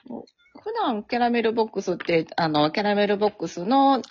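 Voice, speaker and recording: A woman chats as a guest, eagerly laying out the story with a lively, bouncing pitch. The sound is dull and lo-fi. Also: fairly quick, a little hiss or hum. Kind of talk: casual fan chat. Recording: dull lo-fi audio.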